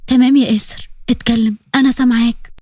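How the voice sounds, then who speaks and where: A woman's voice: on the high side, fairly even intonation, fast, a little mellow, dry recording, clean studio sound, lightly acted. A woman with an Egyptian accent voicing a heartbroken young woman, tearful and pleading. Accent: Egyptian Arabic. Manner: tearful, pleading, rising to outbursts.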